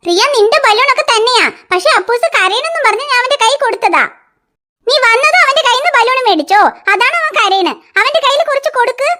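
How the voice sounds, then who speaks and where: A woman's voice: extremely high pitch, lively intonation, fast talker, sharp tone, full character voice. A woman voicing a busy young mother in a cartoon, firm and scolding toward her children. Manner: scolding, threatening tone. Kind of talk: cartoon voice acting.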